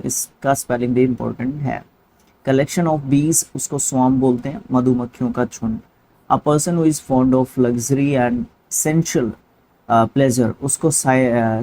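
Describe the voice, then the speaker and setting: Mellow-voiced man teaching vocabulary. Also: mid-range voice, rough recording. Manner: reads English definitions slowly, then explains loosely with fillers. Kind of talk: exam-prep lesson in Hindi.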